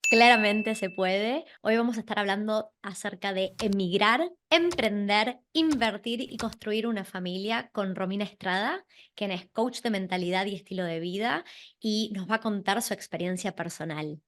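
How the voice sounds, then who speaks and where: A woman, hosting an interview and asking questions in a lively way. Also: mid-range voice, moderate pace. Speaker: podcast host.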